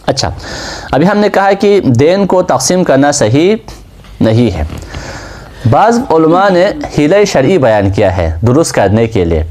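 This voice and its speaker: Lively-voiced male seminary lecturer. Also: mid-range voice. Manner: asks questions and answers them himself. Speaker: seminary teacher. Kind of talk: classroom lecture on Islamic law.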